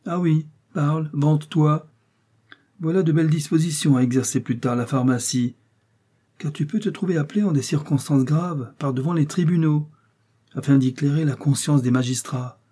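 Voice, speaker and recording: A pompous middle-aged pharmacist scolds and lectures at length in a wordy, self-important way, as a male narrator puts him on. The voice sits higher than the narrator's own but keeps a dark, husky tone. It is a storybook reading. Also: normal speed. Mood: scolding.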